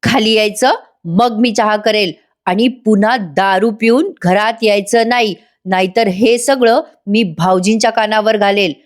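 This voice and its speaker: A woman's voice: medium pitch, fairly even intonation, a little slow, lightly acted. A woman voicing a housewife who stands up firmly to her husband in a retold serial scene. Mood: defiant. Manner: firm, defiant. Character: defiant housewife Suman.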